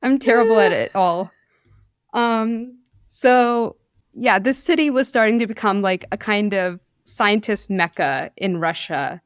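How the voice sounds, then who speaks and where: A woman hosting a podcast tells a science story in an easy, conversational way. She breaks into laughter often and pokes fun at herself. Her voice sits at a middle pitch and is recorded close and dry. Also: a little slow, clean tone, dry recording. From India. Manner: chatty, laughs often, self-deprecating asides. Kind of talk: casual storytelling chat.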